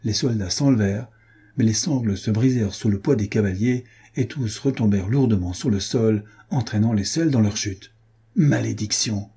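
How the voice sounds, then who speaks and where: A man reading a historical adventure novel aloud in a steady, measured narration. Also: lowish voice, slightly rough. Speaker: audiobook reader. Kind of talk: scripted narration.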